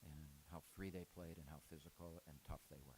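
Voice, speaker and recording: Low-voiced coach guy talking after the game, kinda rambly, restarts a lot, faint hiss behind. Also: fairly even intonation, fast talker. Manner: rambling, frequent restarts, candid. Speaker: head basketball coach. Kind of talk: post-game press conference remarks. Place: press conference room.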